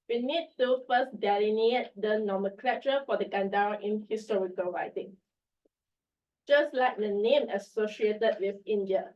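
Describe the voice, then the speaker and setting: Woman, sick throaty voice, academic paper reading, distant dull room mic. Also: on the high side. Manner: reads a prepared paper, measured. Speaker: academic presenter. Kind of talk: conference paper presentation. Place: lecture room.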